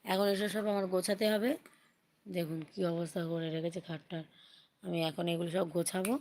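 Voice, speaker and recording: A young woman, a mother on a livestream, talking to her small child in a coaxing, gently scolding, sing-song way. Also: lowish voice, fairly even intonation, fairly quick, a little hiss or hum. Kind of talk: casual talk to a toddler on a livestream.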